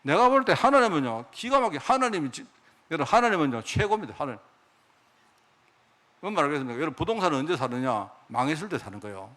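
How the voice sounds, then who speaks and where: A man preaching a sermon, his rather high voice swinging widely as he talks. He keeps it conversational, firing rhetorical questions at the congregation and acting out quoted speech. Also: sing-song, fast talker, a bit bright. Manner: acts out God's and others' speech in quoted lines. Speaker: pastor.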